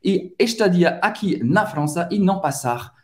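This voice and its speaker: A man's voice: high voice, animated. A native French-speaking man with a French accent, hosting a language lesson and drawing out each word to demonstrate its pronunciation. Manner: slow, drawn-out pronunciation drills. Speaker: French teacher and channel host.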